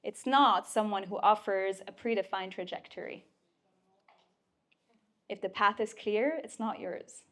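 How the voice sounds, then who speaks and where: A woman's voice: mid-range voice, unhurried, long pauses, fairly bright tone. A woman giving an inspirational talk to a live audience at a mentoring event, playful and emphatic, with casual swearing. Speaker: speaker at a mentoring community event.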